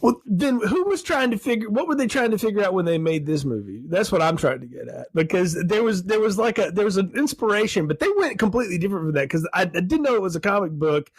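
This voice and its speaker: Podcast co-host, male, higher register, dry studio sound, loose and chatty. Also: fast talker, few pauses, slightly rough, dry recording. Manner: rambling, laughs often, animated. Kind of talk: casual film review chat.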